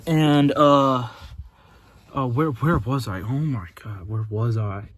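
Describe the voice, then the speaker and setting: A man's voice: mid-range voice, takes it slowly, no room sound. A man talking casually into a phone while recorded inside a small closet. He rambles, fills gaps with ums and likes, and loses his train of thought. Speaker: vlogger.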